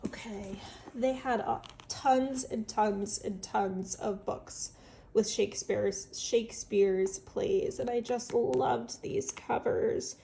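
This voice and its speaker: In this casual vlog, a woman whose nose is stuffed up enthusiastically displays books from an estate sale, chatting and musing with fillers. Her voice is a little high, gravelly, and dark in tone, slow and steady.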